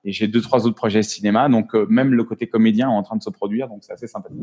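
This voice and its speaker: A man's voice: lowish voice, steady tone, rapid-fire, darkish tone, slightly rough. A man in his forties, a photographer and actor, chatting openly as an interview guest and often restarting his words. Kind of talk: casual interview chat.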